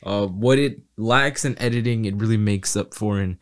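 Low-voiced young man, hesitant podcast co-host. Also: moderate pace. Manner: thoughtful, hesitant, with fillers. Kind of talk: casual film review chat.

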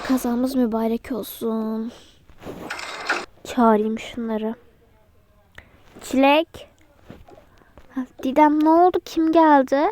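A woman's voice: high-pitched, dark tone, slight background noise. A woman narrating a toy role-play, voicing several characters in playful dialogue. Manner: switches between character voices in playful dialogue.

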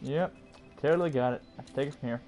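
A man hosting his own gaming channel, talking through a playthrough in casual commentary, muttering to himself and then yelling and cursing in frustration. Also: medium pitch, fast talker, soft background music. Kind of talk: casual let's play commentary.

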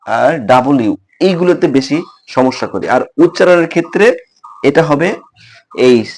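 Man teaching letter pronunciation, slightly high voice. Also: darkish tone. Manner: repeats and quizzes the viewer. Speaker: tutor. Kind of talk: classroom lesson.

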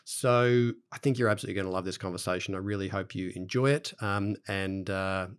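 A man's voice: low-pitched, fairly even intonation, a little fast, clear, resonant tone. Chatty Australian man hosting a podcast. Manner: chatty, with fillers and restarts. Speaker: podcast host. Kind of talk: conversational interview.

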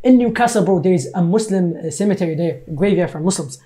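A man's voice: high-pitched, lively intonation, fast, mellow. A man hosting a casual podcast, speaking emphatically, repeating himself and checking that he is understood. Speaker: podcast host. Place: small living room, seated at a table. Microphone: boom-arm podcast microphone.

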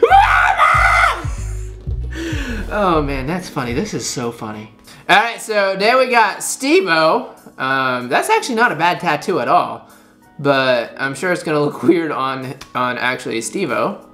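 A woman's voice: low voice, big pitch swings, normal speed, a bit bright, faint music behind. A woman vlogger doing giggly, rambling reaction commentary.

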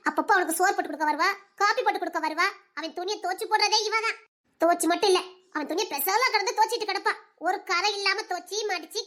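A woman's voice: extremely high pitch, bright, forceful tone. A woman doing a scheming gossipy mother. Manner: gossiping, scornful, chuckling. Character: scheming middle-aged mother plotting for her son. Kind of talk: audio drama acting.

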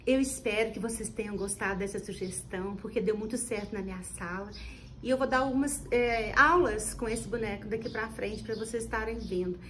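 A woman teacher giving tips to other teachers on video, explaining in an animated way and often restarting her phrases. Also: mid-range voice, fairly quick, slight background noise.

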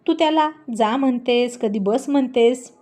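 A woman's voice: fairly high pitch, a little slow, a little mellow, natural voice. A woman voicing a confused younger sister asking questions in a storybook narration. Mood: puzzled. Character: puzzled younger sister, girl.

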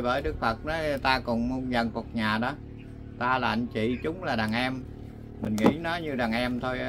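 Older man, halting and earnest. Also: medium pitch, background noise. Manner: halting, earnest, many fillers. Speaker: interviewee. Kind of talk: casual conversation.

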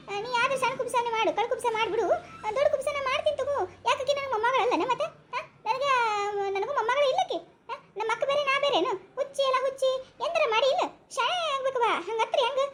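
Woman doing a teasing village grandmother, North Karnataka Kannada accent, very high voice, fast coaxing chatter. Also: slight background noise. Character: older village woman, a visiting aunt and grandmother, teasing and caring. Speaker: comedy skit creator. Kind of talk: village comedy skit acting.

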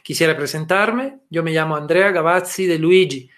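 High-voiced man teaching a webinar. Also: normal speed, fairly bright tone. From Italy. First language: Italian. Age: middle-aged. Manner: patient explanatory, fond of "eh" and "¿ok?" tags. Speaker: therapy instructor. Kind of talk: webinar lecture. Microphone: webcam video call.

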